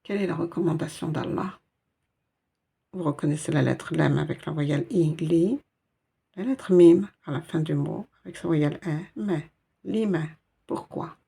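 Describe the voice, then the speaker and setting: A woman's voice: low voice, moderate pace, gravelly, dark tone, slightly rough. A woman teaching a step-by-step Arabic reading lesson in French, patient and explaining each letter and sound.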